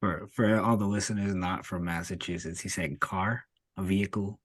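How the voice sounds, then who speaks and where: A man's voice: deep voice, steady tone, normal speed, dry recording, studio quality. A man co-hosting a podcast in casual chat, laid-back and joking, swearing and laughing often. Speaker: podcast co-host.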